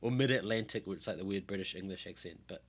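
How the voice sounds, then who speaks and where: A man's voice: sits low, quick pace. A man co-hosting a casual film podcast, rambling through tangents and laughing often. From New Zealand. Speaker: podcast co-host.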